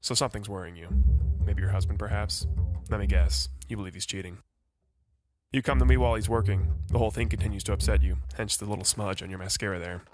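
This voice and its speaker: Man acting a low-voiced deadpan private eye. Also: fast talker, reverberant, in a large hall, lightly acted. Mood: observant. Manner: deadpan, clipped. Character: jaded, observant hardboiled male private detective. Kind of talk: noir audio drama narration. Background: brassy music.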